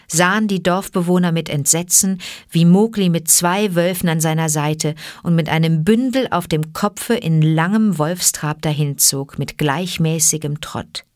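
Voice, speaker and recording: A woman's voice: on the low side, darkish tone, dry recording, clean studio sound. Woman narrating a storybook. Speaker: audiobook reader.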